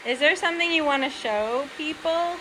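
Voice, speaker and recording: A young woman with a fairly high voice chats casually as a parent filming at home. She talks to a child in an everyday way, with some background noise on the recording. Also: moderate pace. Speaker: parent hosting a home video.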